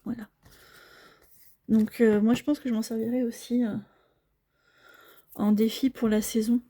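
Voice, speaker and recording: Filling cash envelopes at home, this budgeting vlogger narrates each small task in casual talk, says sorry to her viewers a lot, and at times nearly whispers. Her voice is a little high and dark in tone, level and unhurried.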